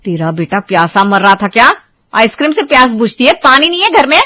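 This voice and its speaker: A woman voicing a furious, quarrelsome mother who scolds and shouts. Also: a little high, sing-song, brisk. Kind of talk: storybook drama.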